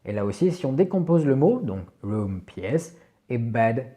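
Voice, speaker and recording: A man whose first language is French, patiently teaching English pronunciation in a video lesson and repeating each word slowly. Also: mid-range voice, very animated, warm tone.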